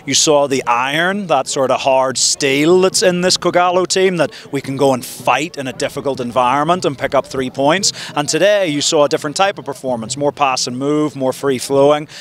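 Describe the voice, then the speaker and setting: A man in his thirties speaks as a football head coach in a post-match press interview. His delivery is measured and reflective, often leaning on "you know" and "look". He is outdoors, close to a cluster of handheld reporter microphones. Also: a little high. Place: outdoors at a stadium in front of a sponsor backdrop. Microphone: several handheld reporter mics held close.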